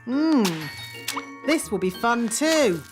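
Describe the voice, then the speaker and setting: A woman's voice: on the high side, animated, slow pace. A woman voicing a bossy, smug fairy nanny in a children's cartoon. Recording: loud music behind the voice.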